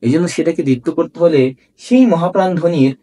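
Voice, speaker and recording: A man's voice: fairly high pitch, quick pace, mellow. A man with a Bangladeshi accent teaching a grammar lesson, explaining step by step and asking students questions before answering them himself. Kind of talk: classroom lesson.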